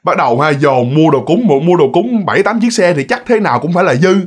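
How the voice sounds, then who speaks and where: Man, ghost story narrator, slightly high voice, very animated pitch, chatty. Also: quick pace, husky. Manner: chatty, addresses listeners directly, lively. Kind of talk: casual spoken storytelling.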